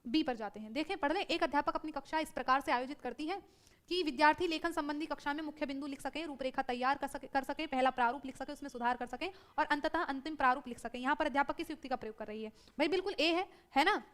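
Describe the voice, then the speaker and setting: A woman teaching a live online exam-prep class, brisk and self-correcting, who keeps checking in with her students. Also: sits high, a bit bright.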